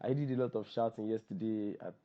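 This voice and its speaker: Hoarse from shouting, this lowish-voiced Nigerian man talks quickly while hosting a casual group call as a workshop leader and copywriter. His style is joking and self-deprecating, with lines repeated to drive points home. Captured through an online call mic, the audio is dull and lo-fi.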